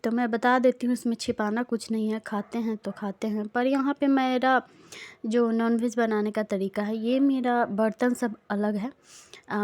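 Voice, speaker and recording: A young woman from India narrating a casual home vlog, speaking slowly and deliberately with frequent pauses. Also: fairly high pitch, a little mellow. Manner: slow, deliberate, pausing often. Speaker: vlogger. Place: home, indoors.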